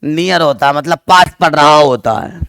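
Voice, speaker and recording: A man teaches chemistry online in a loud, projecting voice that sits a little high and comes across smooth and crisp. He keeps calling his students dear children, throws questions at them and answers them himself, mixing two languages. The sound is dry, with no room echo. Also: moderate pace.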